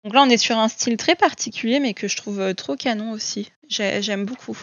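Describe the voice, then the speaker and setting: This coloring book vlogger talks fairly quickly in a fairly high voice, gushing casually as she shows her books. Her speech is full of "euh" and repeats, and the recording is dull, dry and free of echo.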